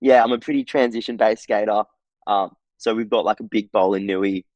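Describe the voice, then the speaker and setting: A man's voice: fairly low pitch, fairly even intonation, brisk, a little mellow, no room sound, low-quality recording. A young Australian man chatting casually as a podcast guest, laid-back and full of "like" and "um". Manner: laid-back, lots of filler "like" and "um". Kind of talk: casual interview chat.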